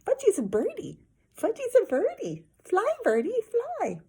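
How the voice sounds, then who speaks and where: A woman's voice: extremely high pitch, huge pitch swings, measured pace, mellow, pitched above the performer's own voice, exaggerated voice. A woman voicing a giddy toddler boy who babbles in a sing-song, babyish way.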